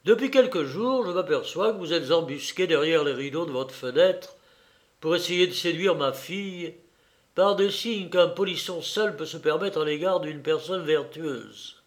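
A man voicing an excitable, boastful fencing master in an audiobook, loud and theatrical. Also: on the high side, moderate pace, lightly acted. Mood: eager. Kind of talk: audiobook character voice.

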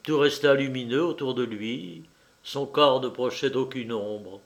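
A man reading a literary tale aloud, with measured, formal storytelling. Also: medium pitch. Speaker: audiobook narrator. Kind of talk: scripted literary narration.

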